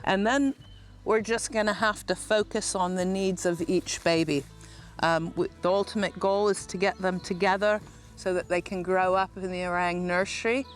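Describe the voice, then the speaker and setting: A woman who works at an animal park, speaking informally and a little haltingly in a documentary interview. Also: lowish voice, fairly even intonation, faint music behind. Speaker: animal park staff leader.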